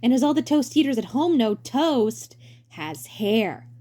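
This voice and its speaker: Woman playing a young male cartoon turtle, dim, excitable, hammy, theatrical, high and very animated. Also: measured pace. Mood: showy presenter.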